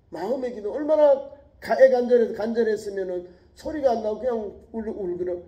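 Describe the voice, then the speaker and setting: A man preaching a Sunday sermon as pastor, emphatic and repetitive, his voice swinging from loud to hushed. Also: very high-pitched. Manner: emphatic, repeats key phrases, swings from loud to quiet. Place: church sanctuary. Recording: echoey church hall.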